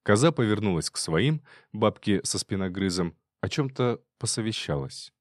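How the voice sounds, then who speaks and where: A man narrating an audiobook in an even storytelling manner. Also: on the low side, moderate pace, no echo, studio quality. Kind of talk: audiobook reading.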